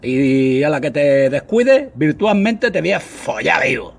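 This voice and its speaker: A man rants crudely at his rivals in a high, swooping voice with a gravelly, raspy edge. He jeers, swears and slips into whiny mock voices. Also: big pitch swings, measured pace. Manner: crude, mocking rant with whiny impersonations. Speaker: vlogger. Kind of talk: angry ranting monologue.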